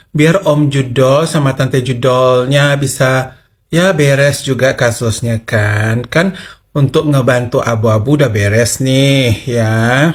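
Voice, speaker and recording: A man hosts a channel, giving casual, sarcastic commentary and teasing his viewers as he coaxes them to respond. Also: mid-range voice. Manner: teasing, sarcastic, coaxing the audience.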